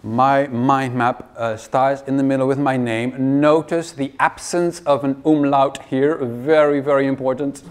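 A man's voice: mid-range voice, measured pace, hardly any pauses, clean tone. A middle-aged man giving a wry, joking conference keynote in a large hall, speaking into a headset mic. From Netherlands. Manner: wry, joking, lively presenter.

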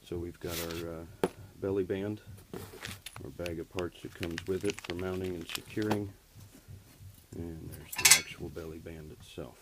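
Deep-voiced and a little slow, with fairly even intonation, an HVAC technician gives a plain step-by-step account of a hands-on repair, full of fillers. Heavy background noise fills the recording from the camera he holds while working in a basement furnace area and on a workshop floor.

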